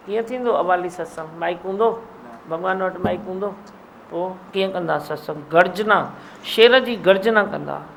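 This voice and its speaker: A woman's voice: medium pitch, vocal fry, slight background noise. A woman guru gives a sermon, scolding and teasing her listeners and mimicking their mumbling. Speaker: spiritual guru. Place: satsang hall.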